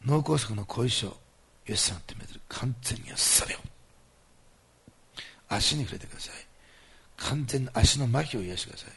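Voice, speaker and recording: Gravelly-voiced man leading fervent prayer. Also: medium pitch, animated, fast talker, fairly bright tone. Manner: fervent, commanding prayer declarations; earnest, coaxing address to listeners. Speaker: pastor. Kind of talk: sermon and healing prayer.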